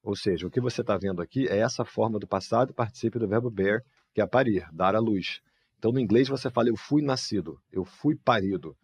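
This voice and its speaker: A man teaching a live English lesson, explaining step by step and saying the example phrases slowly. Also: fairly low pitch, a little mellow, husky, dry recording. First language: Portuguese.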